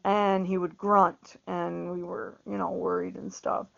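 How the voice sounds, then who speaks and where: A woman's voice: lowish voice, level tone, a little slow, vocal fry, a bit bright. A middle-aged woman chatting in a meandering way, repeating words and laughing often. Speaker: vlogger. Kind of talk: casual rambling monologue. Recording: dull lo-fi recording.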